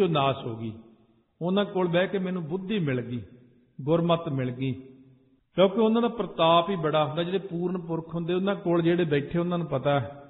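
Male preacher, slow chanted verses, fast explanations, raised voice, thin phone-like audio in a big reverberant hall. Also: on the high side. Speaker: Sikh preacher. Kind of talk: sung scripture with spoken commentary. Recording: tinny phone-like sound with long hall reverb.

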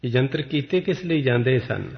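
A man preaching a sermon, expounding scripture in a slow, measured way. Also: mid-range voice, lively intonation, creaky. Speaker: Sikh preacher. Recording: dull, reverberant hall sound.

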